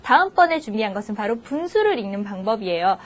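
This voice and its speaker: A woman teaching English numbers to students in a scripted lesson, asking rhetorical questions and drawing out the English example phrases slowly. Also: medium pitch, big pitch swings. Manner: slow, drawn-out English model phrases between Korean explanations.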